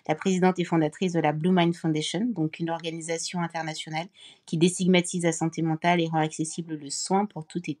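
Woman guest from Cameroon, low-leaning voice, thoughtful and halting in relaxed interview talk. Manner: thoughtful, many hesitations and restarts. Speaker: podcast guest.

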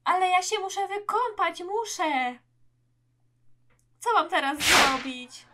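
A woman voicing a grumpy toy father figure in a toy story video, whining insistently. Her voice is high and bright. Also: animated, slow, full character voice. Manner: whiny, insistent. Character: grumpy toy dad desperate for a shower.

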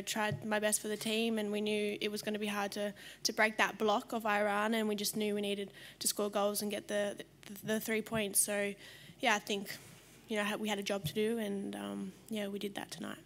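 A young Australian woman footballer answering reporters after a match, measured and full of fillers, into a desk mic in a press room. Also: medium pitch, level tone, a little hiss or hum. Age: young adult. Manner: measured, many fillers, trailing off at ends. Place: press conference room in front of sponsor board. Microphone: desk microphone on stand.

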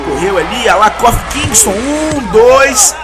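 A Brazilian man doing excited play-by-play commentary as a wrestling commentator. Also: extremely high pitch, a little slow. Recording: loud music and crowd behind voice. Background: loud music and crowd noise.

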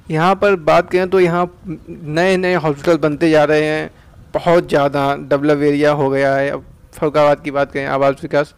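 A chatty young vlogger from India with an Uttar Pradesh Hindi accent casually narrates a ride through town streets outdoors. His voice is fairly high and clean in tone, and he keeps using tag questions like "है ना".

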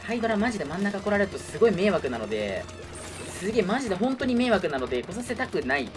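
A man's voice: high-pitched, sing-song, fast talker. A man giving live gameplay commentary, reacting as he goes, between muttering to himself and exclaiming. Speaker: gaming streamer. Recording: music and game audio behind. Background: video game music.

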